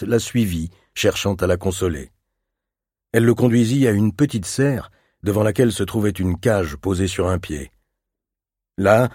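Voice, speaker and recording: A man narrating a classic novel as an audiobook, reading in a calm, measured and even way. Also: on the low side, dry recording, clean studio sound. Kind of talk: scripted literary narration.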